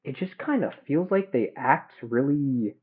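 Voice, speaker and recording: A young man chatting casually and haltingly while cooking at home, livestreaming through headphones used as a mic. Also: mid-range voice, lively intonation, husky, phone-quality sound. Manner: hesitant, halting, self-questioning. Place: home kitchen. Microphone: headphones used as a phone mic.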